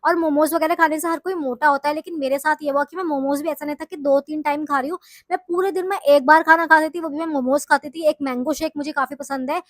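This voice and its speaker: Young woman vlogger, high voice, chatty and confessional, dry close sound. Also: steady tone, fast, few pauses, dry recording. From Uttarakhand hills, India. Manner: chatty, confessional, addresses viewers directly. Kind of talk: casual storytelling to camera.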